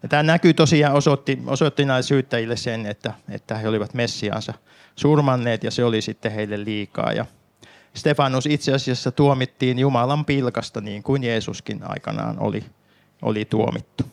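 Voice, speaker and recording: A man preaching a sermon, calmly explaining a Bible passage and speaking directly to his listeners. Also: medium pitch, vocal fry.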